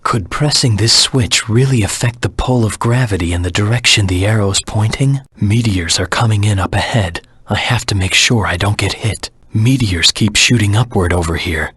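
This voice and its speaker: A dark, vengeful hedgehog anti-hero from a video game. His voice is low and very husky, with a gritty rasp and a dry, close sound. He speaks in grim, terse, dramatic phrases, brooding throughout. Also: normal speed, hardly any pauses, no room sound. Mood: tense, focused.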